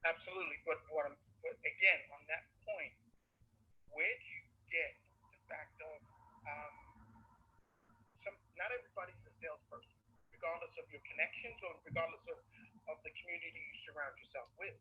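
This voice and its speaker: A man's voice: a little high, a little hiss or hum. Man on a call, voice cutting out. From the Bronx, New York. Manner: earnest, halting, with fillers. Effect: voice cutting in and out on an online call. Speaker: caller asking a question. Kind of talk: casual Q&A over an online call. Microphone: video call. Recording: dull lo-fi call audio.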